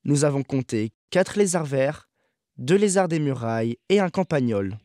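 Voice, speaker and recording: A man narrating a nature documentary from a script, in a measured, factual, observational manner. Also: medium pitch, expressive, mellow, no echo, clean studio sound.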